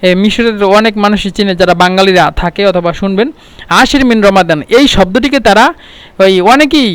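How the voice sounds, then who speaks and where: A man from Bangladesh teaching Arabic in a casual spoken lesson, explaining with restarts and repeated words and slowing down to spell out Arabic words. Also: high-pitched, clean tone, no room sound. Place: home.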